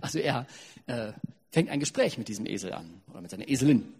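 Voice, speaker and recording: Husky man retelling a Bible story. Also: medium pitch, quick pace. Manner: lively, chatty retelling with asides. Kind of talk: storytelling sermon for a family service. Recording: long hall reverb.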